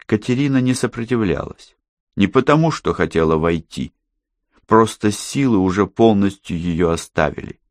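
A man narrating an audiobook in a steady, even storytelling voice. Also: fairly low pitch, moderate pace, dry recording, studio quality.

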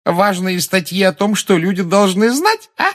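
Man doing a mocking female journalist, cold and businesslike, raised husky voice, audiobook. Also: a little high, big pitch swings, normal speed, pitched above the performer's own voice. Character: sharp, scornful adult female journalist.

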